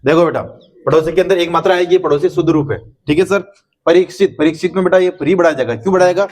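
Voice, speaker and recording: A man's voice: fairly high pitch, fast talker, darkish tone. Man teaching a classroom spelling lesson. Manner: coaxing, repeats tag questions to students.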